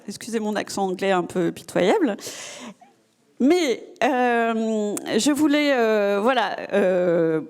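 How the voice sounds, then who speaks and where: A woman's voice: a little high, darkish tone. A woman organizing a festival who introduces the guest speaker with many fillers and restarts. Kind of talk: hesitant spoken introduction.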